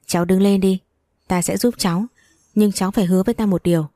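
A woman voicing an elderly wealthy grandmother who is kindly yet commanding, speaking in a gentle, matter-of-fact way. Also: medium pitch, steady tone, fast talker, dry recording, clean studio sound, close to an everyday voice.

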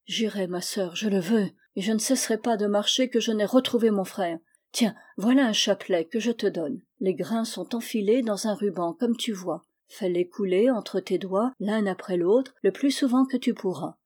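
Une femme qui joue un jeune homme loyal et résolu, d'un ton posé et ferme, un peu plus grave. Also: female voice, medium pitch, moderate pace, darkish tone, lightly acted. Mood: resolute. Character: resolute young man, loyal brother.

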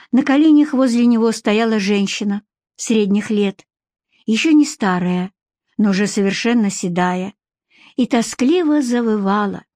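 A woman narrating an audiobook with an even, measured read. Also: medium pitch, no echo, clean studio sound. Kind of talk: scripted narration.

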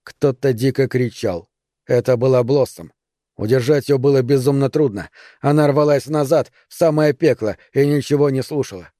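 A man narrating an audiobook in a dramatic, measured reading. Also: mid-range voice, mellow, no echo, clean studio sound. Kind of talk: scripted narration.

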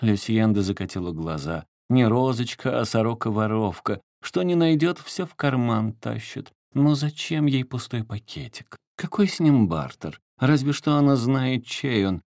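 A man narrating an audiobook in an expressive storytelling manner. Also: medium pitch, normal speed, hardly any pauses, no echo, studio quality.

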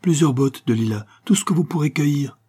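A man voicing a melancholy, lonely young lady who gives soft, pleading orders in a storybook reading. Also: fairly high pitch, brisk, husky, pitched above the performer's own voice. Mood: sad, pleading.

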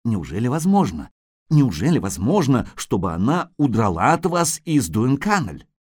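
A man voicing a gruff, sardonic male monster hunter who talks brusquely and mockingly. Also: medium pitch, big pitch swings, normal speed, a little mellow.

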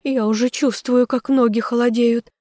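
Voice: fairly even intonation, normal speed, darkish tone, no echo, clean studio sound, close to an everyday voice. A reader voicing a flustered noble aunt who wails and fusses dramatically, in an audiobook. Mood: hysterical. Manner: shrill, clucking, dramatic. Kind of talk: audiobook character voice.

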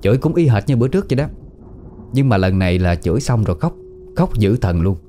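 A man's voice: lowish voice, sing-song, fast, warm tone, slight background noise. A man with a Southern Vietnamese accent narrating a family ghost story in a plain, conversational way. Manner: plain conversational retelling with southern colloquial words.

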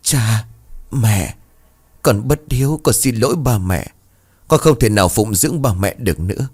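A man's voice: on the low side, animated, normal speed, darkish tone, husky. A man voicing the ghost of a young woman who pleads tearfully with her father, in a ghost story reading. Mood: sorrowful.

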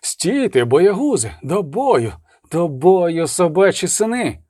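A man's voice: sits high, sing-song, moderate pace, darkish tone, dry recording, studio quality. A man voicing a furious middle-aged bishop barking angry orders at fleeing troops.

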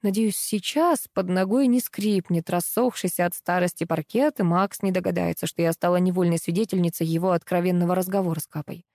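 A woman reading a first-person audiobook in a lively, ironic storytelling manner. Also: lowish voice, fairly quick, few pauses, dry recording, studio quality. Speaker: audiobook narrator.

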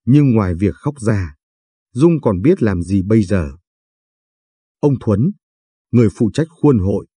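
A man narrating a sad story in a slow, somber, scripted way. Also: fairly low pitch, dark tone, breathy edge, no echo, clean studio sound.

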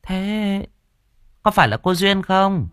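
A man voicing a stern female spirit medium in a village, speaking in a solemn, measured way. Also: high-pitched, expressive, fairly bright tone, clean tone, no echo, pitched above the performer's own voice, exaggerated voice.

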